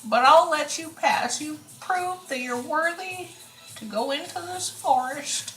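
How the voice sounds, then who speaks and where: A woman voicing a grumpy male troll who guards a bridge, in a high, whiny put-on voice. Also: measured pace, a bit bright, reverberant, faint music behind, poor audio. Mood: grudging.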